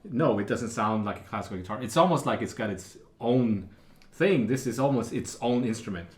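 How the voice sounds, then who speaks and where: A man giving a casual guitar lesson, explaining patterns in a relaxed way with fillers. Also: mid-range voice, normal speed, reverberant. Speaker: guitar teacher. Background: acoustic guitar playing.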